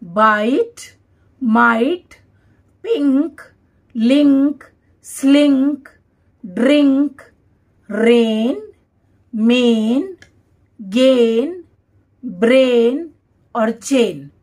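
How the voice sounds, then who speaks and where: A woman with a high voice teaches a dictation lesson at a very slow pace. She says each English word on its own and often repeats it so learners can write it down. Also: animated, a little mellow.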